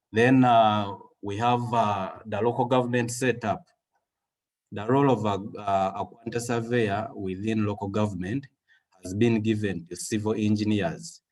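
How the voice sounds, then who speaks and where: A man in his thirties from Western Uganda with a Ugandan English accent, giving a measured webinar presentation with frequent fillers over a video call. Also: lowish voice. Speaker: guest speaker.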